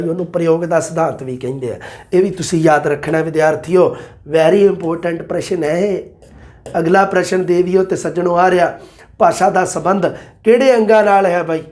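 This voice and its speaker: A man gives a chatty exam-prep lecture in a high voice. He repeats key points and keeps quizzing his listeners. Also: darkish tone. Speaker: teacher.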